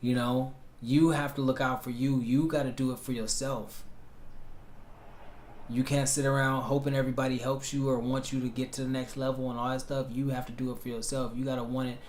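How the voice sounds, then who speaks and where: A man's voice: medium pitch, level tone, brisk, a little mellow, slight background noise. Reflective man in his thirties, roomy echo. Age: 30s. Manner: rambling, reflective, many fillers and restarts. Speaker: host. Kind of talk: casual self-interview.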